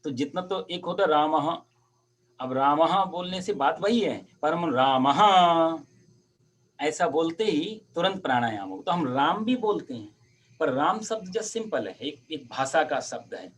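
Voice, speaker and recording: A man's voice: on the high side, animated, a little hiss or hum. A man teaching Sanskrit pronunciation on a video call, patiently drawing out each sound. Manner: patient, explains sounds by drawing them out slowly. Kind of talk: online Sanskrit pronunciation lesson.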